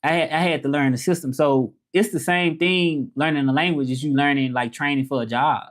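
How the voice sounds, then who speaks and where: Speaking briskly and steadily in a voice on the high side, a Memphis man with a Southern American accent hosts a laid-back livestream. He reads comments and chats about language learning, rambling and repeating himself as he goes.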